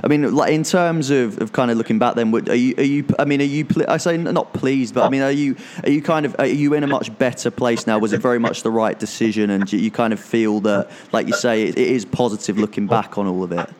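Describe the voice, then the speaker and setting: A man's voice: medium pitch, fast, few pauses, darkish tone. A man interviewing a musician, asking long, rambling questions full of restarts and fillers. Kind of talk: casual interview.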